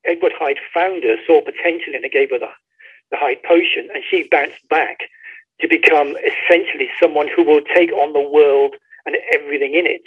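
This is a man speaking on a remote call with a tinny phone sound. He's a guest author explaining a story with emphatic, conversational storytelling and acted-out dialogue, his slightly high voice carrying a breathy edge at a normal speed.

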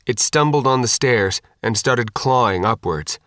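A man reads an audiobook in an even, measured storytelling style. His voice is mid-range, and the recording is clean studio sound with no room echo.

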